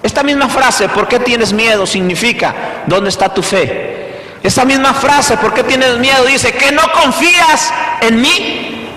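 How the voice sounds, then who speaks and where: A male pastor preaching a sermon, emphatic, with repeated rhetorical questions, swinging between loud and hushed delivery. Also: very high-pitched, a little slow, a little hiss or hum. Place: church hall. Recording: echoey hall reverb.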